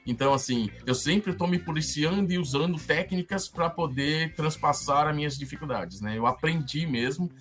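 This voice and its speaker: Halting Brazilian man, fairly high voice. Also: fairly bright tone, soft background music. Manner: halting, repeats words, frequent tag questions. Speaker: podcast guest. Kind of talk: casual interview conversation.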